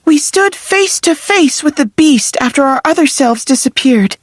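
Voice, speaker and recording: A woman narrating an audiobook in first person, soft and earnest. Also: high voice, animated, moderate pace, a little hiss or hum.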